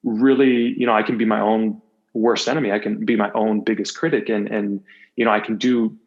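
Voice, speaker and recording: His delivery is flat and brisk, with a fairly low pitch, as this podcast guest and ex-athlete and coach shares personal stories frankly. He repeats phrases for emphasis and voices quotes along the way. The recording's highs are cut off.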